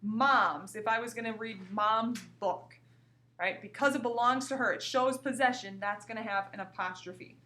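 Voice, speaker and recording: A woman teacher giving a recorded grammar lesson to young pupils, explaining slowly and reading example sentences aloud. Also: fairly high pitch, sharp tone. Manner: slow, clear explaining with examples read aloud. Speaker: grade school teacher.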